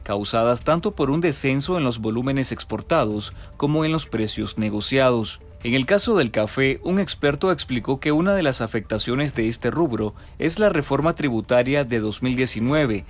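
A man reading a scripted news voice-over in a steady, formal newsreading manner. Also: medium pitch, moderate pace, few pauses, faint music behind. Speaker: news narrator.

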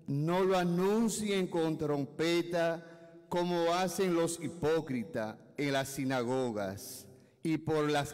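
Older male cleric, solemn Gospel reading, very slow, long cathedral-like echo. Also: fairly high pitch, smooth. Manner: measured, deliberate phrasing with pauses. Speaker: clergyman proclaiming the Gospel at Mass. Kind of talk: solemn liturgical scripture reading. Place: church, at the lectern. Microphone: gooseneck lectern microphone. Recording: echoey church, long cathedral-like reverb.

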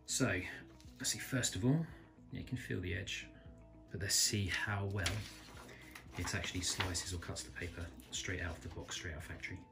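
A man calmly reviewing a small pocket knife, thinking aloud and correcting himself as he goes. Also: sits low, normal speed, gravelly, over music. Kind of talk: casual product review narration. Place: indoors at a table, filming hands close up.

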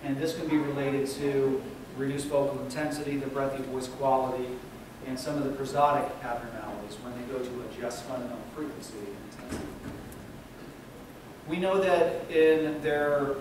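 A male university lecturer explaining to students, checking in with "okay?" and pausing on fillers. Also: mid-range voice. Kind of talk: recorded classroom lecture. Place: lecture room. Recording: echoey room, distant mic, noisy.

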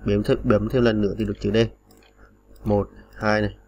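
A man's voice: lowish voice, flat delivery, normal speed, darkish tone, a little hiss or hum. A man teaching typing on a computer in a patient, step-by-step way, with many small fillers. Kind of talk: screen-recorded typing tutorial.

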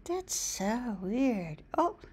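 A woman voicing a friendly furry puppet in a squeaky ventriloquist dummy voice, with short, simple replies. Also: sing-song, very slow, darkish tone, husky, heavily acted. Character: friendly, giggly, agreeable furry puppet named Charlie. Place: living room.

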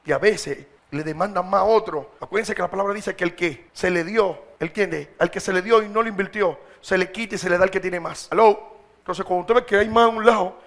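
A man's voice: high-pitched, fairly quick, fairly bright tone. A man preaching a sermon, exhorting his congregation in a direct, colloquial way.

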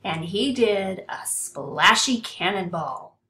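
An older woman reading a children's story aloud with measured, deliberate phrasing. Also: medium pitch, animated, bright, forceful tone. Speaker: storybook reader. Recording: roomy home recording, some hiss.

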